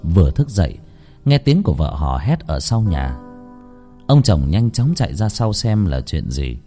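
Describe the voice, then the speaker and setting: A man narrates a ghost story with dramatic expression, his low, dark voice swinging widely in pitch to build suspense. Faint music runs under the narration. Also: very animated, measured pace.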